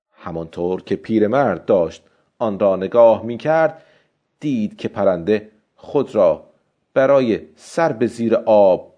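A man reads a story aloud in calm, steady audiobook narration. His low, mellow voice moves expressively through its pitch. The recording sounds dull and lo-fi.

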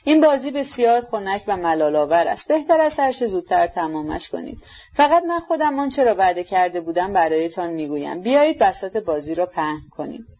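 A woman's voice: mid-range voice, big pitch swings, darkish tone, muffled recording. A woman voicing a proud, imperious young woman who speaks in a haughty, commanding way. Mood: cold.

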